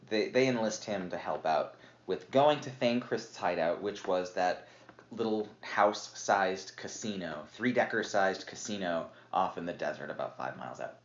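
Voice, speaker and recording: A slightly tipsy man, a podcast guest, chatting casually about his game with lots of fillers and laughs. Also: lowish voice. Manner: rambling, filler-heavy, laughs often. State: a little tipsy. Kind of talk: casual chat. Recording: roomy, dull lo-fi podcast audio.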